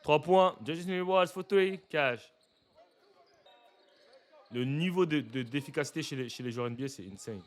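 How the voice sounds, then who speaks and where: A young man giving casual live reaction commentary to basketball footage, slangy and chatty, breaking into loud excited exclamations. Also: fairly high pitch, measured pace, long pauses.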